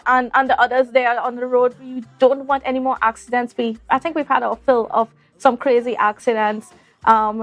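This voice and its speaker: A woman hosting a morning show and signing off, talking in halting bursts with many restarts. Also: high voice, a bit bright. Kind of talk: live broadcast sign-off.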